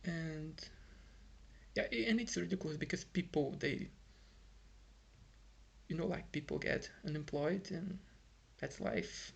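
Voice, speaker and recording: A young Brazilian man, a native Portuguese speaker, delivers a casual vlog monologue in Brazilian-accented English at home in Ireland. His fairly high, creaky voice has a breathy edge and a measured pace with long pauses, and his talk is frustrated and rambling, with many fillers and restarts.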